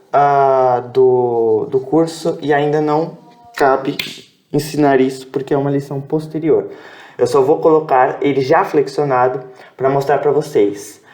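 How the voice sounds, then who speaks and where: A Brazilian man teaching a beginner lesson at a whiteboard, slow and patient, spelling out sounds and syllables and checking in with his students often. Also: mid-range voice, darkish tone. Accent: Brazilian Portuguese. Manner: spells out sounds and syllables, corrects himself aloud. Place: improvised room with background noise.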